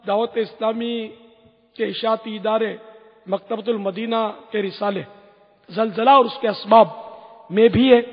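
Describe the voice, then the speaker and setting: High husky guy telling stories in a religious q&a, echoey hall. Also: dull audio. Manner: storytelling, earnest exclamations. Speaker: religious scholar answering questions. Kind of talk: religious question-and-answer talk.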